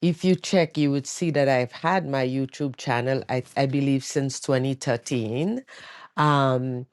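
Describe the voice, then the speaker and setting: A woman vlogger talking reflectively from her bed at home, worn out and tired in her voice, pausing often to search for words. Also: a bass voice, fairly even intonation, dry recording, clean studio sound. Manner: slow, searching, pauses often with um. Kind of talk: reflective personal talk.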